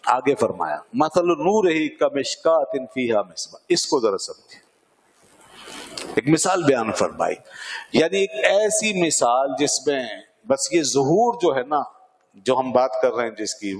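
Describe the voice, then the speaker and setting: A male Islamic scholar giving a religious lecture, explaining a Quranic verse and slowing down to recite the Arabic, often asking questions and answering them himself. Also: mid-range voice, long reverb tail, rough recording.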